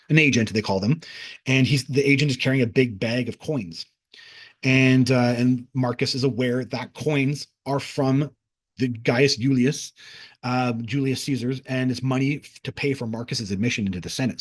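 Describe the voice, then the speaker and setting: With a medium-pitched, slightly rough voice, a man loosely tells of a vision from a past life, his monologue meandering with fillers and restarts and occasionally slipping into imitated crowd voices.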